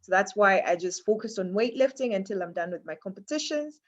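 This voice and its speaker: On a slightly muffled recording, a woman with a Kenyan accent chats as an interview guest. Her voice sits at a medium pitch, and she talks casually, repeating phrases for emphasis. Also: expressive, a little fast.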